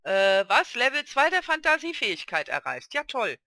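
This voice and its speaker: Bright, lively woman gamer. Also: a little high, normal speed. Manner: chatty, excitable, talks to her game characters. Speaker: let's play host. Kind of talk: casual gameplay commentary.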